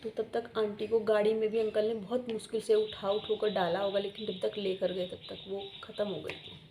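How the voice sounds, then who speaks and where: A woman's voice: mid-range voice, flat delivery, normal speed, dark tone. A young woman telling a personal story in a chatty, rambling vlog style, repeating herself for emphasis. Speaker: vlogger. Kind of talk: casual storytelling.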